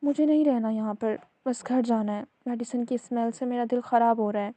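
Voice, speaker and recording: A woman's voice: a little high, fairly even intonation, warm tone, natural voice. Woman reading as tearful stubborn young wife. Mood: tearful, pleading. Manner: pleading, insistent.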